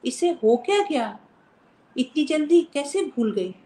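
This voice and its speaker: A woman narrating a story in a calm, expressive reading manner. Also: sits high, measured pace. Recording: roomy echo.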